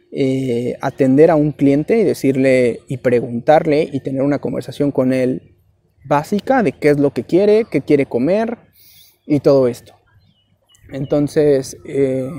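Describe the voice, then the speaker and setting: Casual, rambling and full of slang, this vlog features a young Mexican man with a Mexican Spanish accent and a warm, fairly high-pitched voice. He gives advice and can't stop saying "güey."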